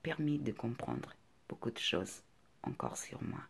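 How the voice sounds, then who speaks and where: A middle-aged woman with a non-native French accent, speaking softly and hesitantly in a confiding personal vlog, often close to a whisper. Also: a bass voice, very animated, unhurried, gravelly, slightly rough.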